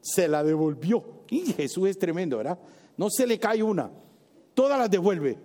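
A male preacher giving a sermon with animated storytelling, dropping English exclamations into his retelling. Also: sits high, normal speed. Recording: reverberant hall.

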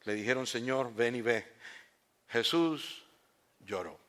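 A man preaching a sermon in church, reading a scripture story aloud with joking asides, rising to loud proclamations and dropping to hushed, slow lines. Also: medium pitch, expressive. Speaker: pastor.

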